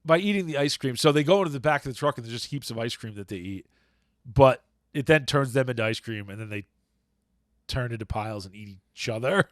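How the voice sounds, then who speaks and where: A man's voice: medium pitch, expressive, brisk, dry recording, clean studio sound. Rambling man recapping stories on a podcast. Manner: rambling, searches for words, recaps plots. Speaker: podcast host. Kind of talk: casual chat.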